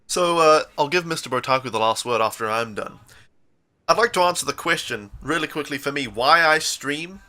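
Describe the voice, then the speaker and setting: A young man with a New Zealand accent, hosting a podcast and chatting casually as a jokey, animated storyteller. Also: on the high side, normal speed. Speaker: podcast host.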